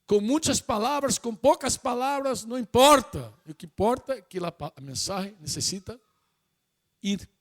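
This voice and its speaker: High-voiced man preaching a sermon. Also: animated, moderate pace. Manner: mixes Portuguese and Spanish, emphatic repetitions.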